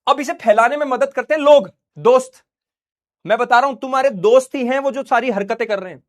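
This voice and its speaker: A man's voice: very high-pitched, brisk. A young man teaching a science class online, playful and joking, acting out little scenes for his students while feeling unwell.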